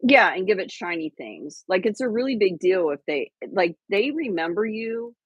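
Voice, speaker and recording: A woman's voice: medium pitch, animated, moderate pace, husky, no room sound, lo-fi sound. A woman co-hosting a casual livestream, chatty and rambling with lots of fillers and restarts. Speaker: livestream co-host.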